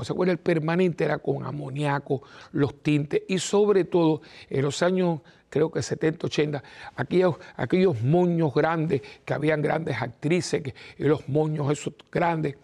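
A man's voice: on the high side, normal speed, gravelly, darkish tone. A man, a priest hosting his own program, telling personal family stories in a rambling, chatty way and acting out the dialogue. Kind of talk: casual storytelling talk.

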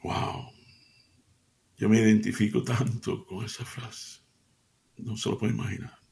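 A middle-aged man hosting a radio devotional, telling an anecdote in an animated way and speaking to his listeners as family. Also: a little slow, gravelly, a little hiss or hum. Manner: addresses listeners warmly as family; animated storytelling, pitch jumps up for emphasis. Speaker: radio show host.

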